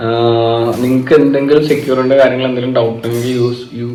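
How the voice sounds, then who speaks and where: A man's voice: mid-range voice, level tone, fast, warm tone. A man with a Malayali accent giving a casual video-game guide, mixing in English and talking informally in short, hesitant phrases. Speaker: gaming YouTuber. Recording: echoey room with music behind. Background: background music.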